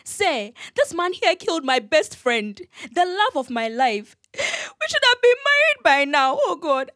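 A furious young bride-to-be in a melodrama, voiced by a woman, high-pitched and swinging wildly up and down. Her voice is bright and sharp, close and dry, and she shouts and sneers. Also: no echo. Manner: shouting, dramatic and sarcastic. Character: grieving fiancée, fierce and theatrical young woman.

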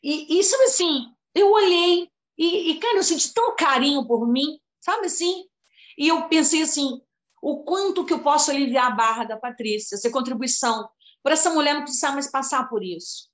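A woman's voice: high-pitched, animated, normal speed, reverberant. A woman in her fifties talking casually and emotionally, rambling through a personal story and often addressing her listener by name. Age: 50s. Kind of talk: casual conversation about healing and spirituality.

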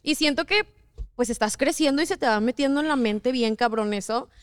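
A woman's voice: a little high, brisk, smooth, no echo. A young woman with a Mexican Spanish accent, a podcast guest talking casually and candidly in slang. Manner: slangy, candid, laughs easily. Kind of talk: casual chat.

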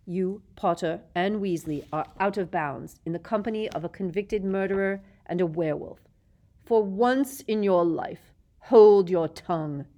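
A woman's voice: medium pitch, measured pace, warm tone, dull audio, natural voice. A woman reading aloud and voicing a cold, bitter middle-aged male teacher with a silky, sneering manner in a storybook. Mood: menacing. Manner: sneering, silky, rising to shrieks.

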